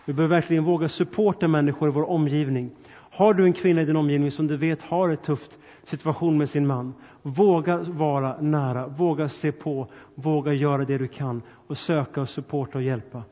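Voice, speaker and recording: Higher-voiced man preaching in a reverberant hall. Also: steady tone, dark tone. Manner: earnest, addresses the congregation directly with questions and appeals. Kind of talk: sermon. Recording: long reverb, dull sound.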